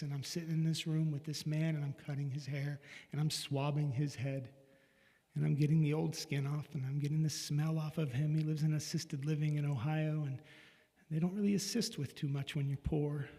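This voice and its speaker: Middle-aged man, light higher voice, telling a personal story frankly, with casual swearing; long hall reverb. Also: warm tone. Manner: candid and confessional, with casual swearing. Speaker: speaker sharing a personal story.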